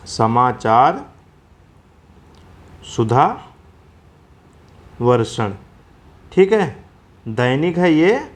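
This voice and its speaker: A man runs through quiz questions as a teacher, in a mid-pitched voice. He talks casually to his viewers as friends. He repeats each answer and keeps checking in with short fillers. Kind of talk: exam-prep quiz lesson.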